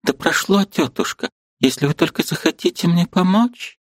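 A man voicing a quiet, pious young woman who speaks softly and earnestly in an audiobook. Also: high voice, animated, fairly quick, husky, dry recording, studio quality, pitched above the performer's own voice. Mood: subdued. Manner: soft, subdued, earnest.

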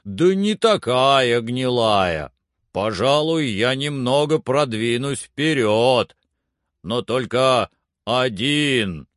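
A man reading aloud and voicing an older male servant who calls down from high up a tree in a plaintive, drawn-out way. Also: expressive, no echo, studio quality.

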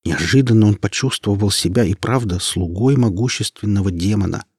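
A man narrating an audiobook in a steady storytelling voice. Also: on the low side, fairly quick, breathy edge, no echo, studio quality.

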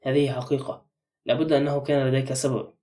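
Man doing a blunt suspicious guy, quick, dark tone, mic kinda far. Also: medium pitch, flat delivery, natural voice.

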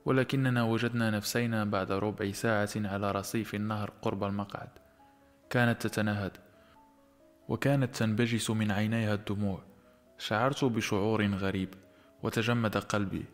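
A man narrating a novel as an audiobook in a measured, expressive storytelling manner. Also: on the low side.

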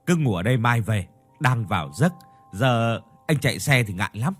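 A male narrator voices a blunt young man who brushes off fear with mockery. His husky voice swoops widely as he sneers. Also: medium pitch, animated, moderate pace, faint music behind. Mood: scornful. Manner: mocking, blunt.

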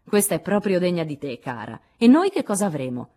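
A woman voicing a bold, tomboyish teenage girl in an audiobook, speaking loudly and emphatically. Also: lowish voice, sing-song, fairly quick. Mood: forceful. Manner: loud and emphatic.

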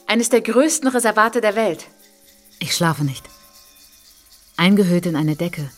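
An actress gives a lightly acted radio play monologue as a reflective French woman traveller, in measured, intimate, literary speech. Her voice is lowish and carries a sense of quiet awe.

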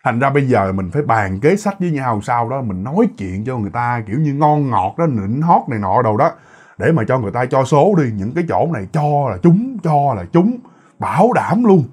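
A man's voice: mid-range voice, big pitch swings, brisk, a little mellow, husky. A man voicing a scheming male spirit medium, talking earnestly and persuasively.

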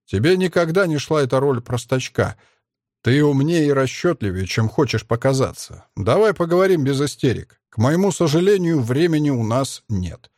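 A man voicing a calm cunning star dog. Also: medium pitch, dry recording, studio quality, voice pushed up. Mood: composed. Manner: calm, measured, lecturing. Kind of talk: audiobook character reading.

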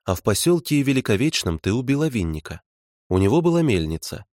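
A man voicing a calm, composed woman investigator who speaks evenly and without emotion. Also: medium pitch, a little fast, dry recording, studio quality, voice pushed up, lightly acted. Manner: cool, even, dispassionate.

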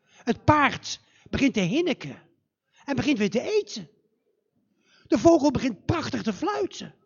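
A man telling a fairy tale live in a church, in a slow, dramatic and animated way. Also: extremely high pitch, creaky, slightly rough, muffled recording. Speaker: storyteller.

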